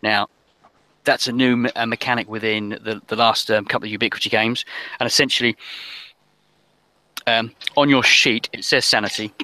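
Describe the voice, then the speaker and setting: Bright-voiced man running a tabletop game. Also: mid-range voice, fairly even intonation, dry recording, poor audio. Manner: halting, many ums and restarts. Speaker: game master.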